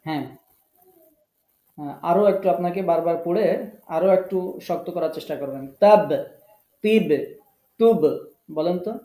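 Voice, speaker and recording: A man's voice: a little high, fairly quick, long pauses, mellow, roomy sound, low-quality recording. Patient man teaching an online recitation class. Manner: patient, coaxing, repeats drills and gives tech help. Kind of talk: live online class, calling on students.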